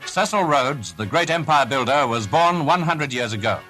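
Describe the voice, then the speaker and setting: A man's voice: medium pitch, animated, normal speed, over music, poor audio. A man narrating formally, played from a 1940s newsreel. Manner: formal, declamatory. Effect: played from an old newsreel.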